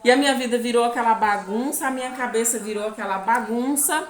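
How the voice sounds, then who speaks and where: A woman with a Brazilian Portuguese accent telling her own life story in a halting, earnest way, often checking that the listener follows. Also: a little high, roomy sound, slight background noise. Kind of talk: personal testimony to camera.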